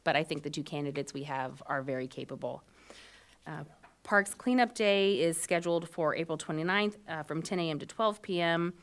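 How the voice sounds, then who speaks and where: Low-voiced woman giving a council report. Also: clean tone. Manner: matter-of-fact, with frequent ums. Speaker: city manager. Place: council chambers.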